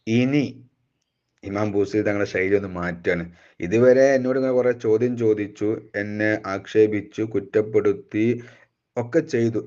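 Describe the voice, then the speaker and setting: A man's voice: fairly low pitch, a little mellow. Man teaching devotional poetry, slightly muffled. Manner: slow drawn-out chanting of Arabic verse, then brisk explanation. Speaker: religious teacher. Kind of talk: explaining classical Arabic devotional poetry line by line.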